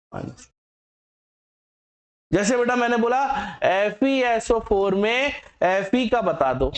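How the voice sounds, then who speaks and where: A man teaching chemistry in a fairly high voice, firing questions at his students and answering them himself. He teases and scolds the class as he goes, and the sound carries the echo of a bare classroom. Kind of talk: lively classroom lecture.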